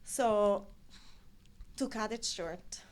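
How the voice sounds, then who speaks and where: Speaking with an Italian accent, a scientific editor from Italy in her thirties shares stories as an interview guest, prone to lengthy tangents. She draws out her words in a medium-pitched voice, with a little background noise.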